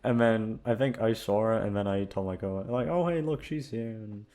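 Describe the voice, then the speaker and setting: This young man's fairly low, mellow voice moves a little fast as he talks loosely and profanely to his listeners, rambling like a casual audio channel host. Guitar music plays behind him.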